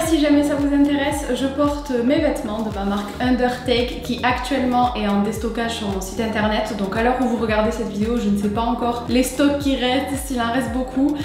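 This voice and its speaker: A young woman with a fairly high voice talks through a casual vlog. She addresses viewers informally and adds reassuring asides. Light music plays behind her. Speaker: vlogger. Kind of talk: casual chatty vlog to camera with voice-over.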